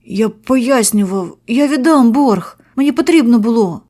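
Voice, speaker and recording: A woman puts on a skinny young man caught by debt collectors in an audio horror story. He pleads and apologizes, his voice lifted high and strained. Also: animated, measured pace, mellow. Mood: pleading. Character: skinny unshaven young male addict, meek.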